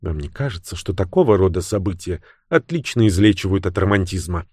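A man reading the part of a cool, sharp-tongued young woman in an audiobook, raising his voice for her cutting, mocking lines. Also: low-pitched, animated, fairly quick, husky, dry recording, studio quality.

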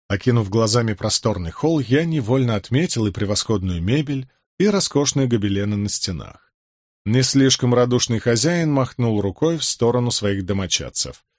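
Man narrating an audiobook, lively pitch. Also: no echo, clean studio sound. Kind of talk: first-person narration of a historical novel.

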